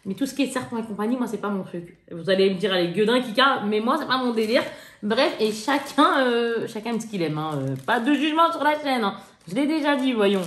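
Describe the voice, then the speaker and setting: A chatty young woman talks straight to her viewers while she shows off things she bought, slangy and quick to laugh. Her voice sits fairly high. The room around her rings with echo. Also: expressive. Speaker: haul vlogger. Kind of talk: casual chat showing purchases. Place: indoors at home. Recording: echoey room.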